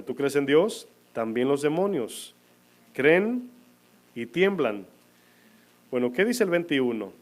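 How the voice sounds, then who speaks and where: A man preaching a sermon in a church, with a fairly high voice. He keeps asking his listeners questions and then answers them himself. He slows down to lean on the key words. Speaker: pastor.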